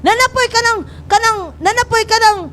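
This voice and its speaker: A woman pastor preaches from a church, her voice pitched very high and ringing with excited exhortation, then dropping low and earnest. She mixes Cebuano and English and has the congregation echo key words back. A faint hum of noise and passing vehicles sits under the recording. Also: fairly quick. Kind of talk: sermon. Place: church sanctuary.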